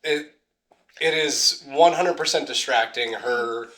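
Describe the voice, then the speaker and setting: A man's voice: medium pitch, takes it slowly, fairly bright tone. A man in a casual reaction chat who gives a blunt critique and restarts his sentences often.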